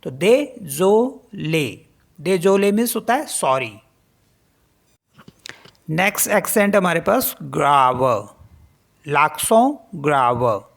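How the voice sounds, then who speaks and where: Slow, low-voiced woman teaching French. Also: big pitch swings, creaky. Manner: spells words letter by letter, repeats each pronunciation slowly; explains in Hindi mixed with English words. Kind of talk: spoken language lesson.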